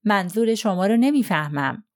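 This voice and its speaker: A woman's voice: mid-range voice, animated, close to an everyday voice. A woman voicing a reserved young man in an audiobook, giving short, guarded answers under questioning. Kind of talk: audiobook character reading.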